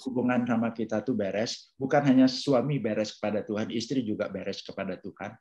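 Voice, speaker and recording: A man in his fifties speaks in a relaxed, conversational way, sharing a personal testimony in a church talk and filling his sentences with small tags. His voice sits fairly low. The recording is dull and lo-fi. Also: a little fast. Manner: relaxed, conversational, many fillers. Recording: dull lo-fi sound.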